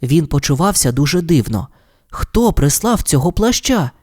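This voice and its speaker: A storyteller reading a children's storybook aloud in an expressive, lively manner. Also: mid-range voice, moderate pace, dry recording, studio quality. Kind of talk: audiobook storybook narration.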